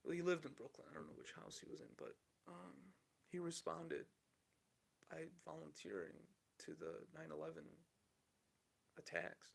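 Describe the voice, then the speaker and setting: 30s guy podcasting solo, rambly and candid, cusses a bit, super gravelly fry, slightly high voice. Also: huge pitch swings, moderate pace. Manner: rambling, candid, swears casually. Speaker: podcast host. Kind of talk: casual solo podcast commentary.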